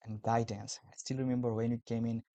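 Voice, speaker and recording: A man's voice: mid-range voice, little pitch movement, brisk, mellow, no room sound. A man from Nepal, hosting a casual interview podcast in a friendly, complimentary way. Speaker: podcast host.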